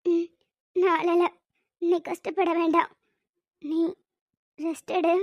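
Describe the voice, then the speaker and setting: An anxious young older sister, voiced by a high-pitched performer, pleads and worries in a very high, dry voice in an audio drama. Her talk is tearful and urgent. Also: flat delivery, slow, no echo, muffled recording, heavily acted. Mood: worried.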